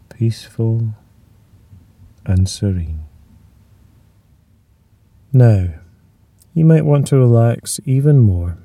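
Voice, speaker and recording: A man leading a guided muscular relaxation, speaking in a slow, soothing way that sometimes drops to a whisper. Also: fairly low pitch, dark tone, no room sound, distant mic.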